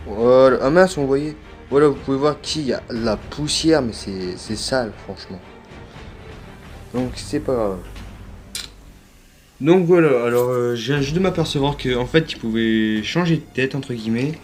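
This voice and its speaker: In a mid-range, slightly mellow voice at a measured pace, a man chats through opening a toy, with soft background music. This toy collector vlogger keeps correcting himself, hesitating and using lots of fillers, while holding his phone by hand without a tripod.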